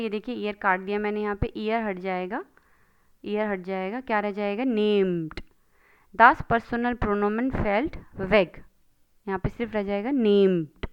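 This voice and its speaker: A woman teaching German grammar in a video lesson, switching between Hindi and English and reading example sentences slowly. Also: mid-range voice, clean tone.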